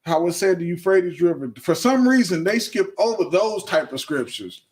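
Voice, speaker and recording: A man's voice: high-pitched, sing-song, moderate pace. A man who is a guest in a casual chat, laid-back and talking in loose run-on sentences.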